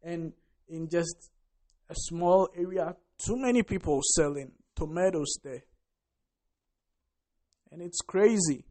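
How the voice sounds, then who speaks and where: Man, motivational business talk, emphatic, somewhat high-pitched. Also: takes it slowly, pauses often, mellow. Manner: emphatic, repeats "right?" and "listen". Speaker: business vlogger.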